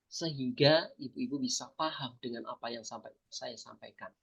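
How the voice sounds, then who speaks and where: A man with an East Javanese accent teaching public speaking to a small group, modeling pitch, stress and articulation as he goes. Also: normal speed, creaky, a bit bright, slightly rough. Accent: Indonesian, East Javanese. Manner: demonstrative, shifts pitch and stress to model intonation. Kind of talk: workshop lesson with participants.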